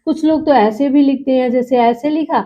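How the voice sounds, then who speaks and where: A woman with a high voice teaches as if to a class of children. She poses questions and answers them herself, and draws out the important words slowly. The recording sounds muffled and lo-fi. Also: dark tone. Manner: drags out key words for emphasis. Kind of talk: classroom-style lecture.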